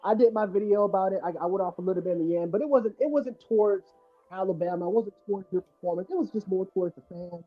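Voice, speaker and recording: A man's voice: sits high, fast, soft background music. A man joining a live stream by online call, his voice muffled as if through a wall, talking casually and repeating himself while holding back a rant. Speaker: guest commentator on a fan live stream. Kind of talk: casual chat. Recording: muffled, dull-sounding online call audio.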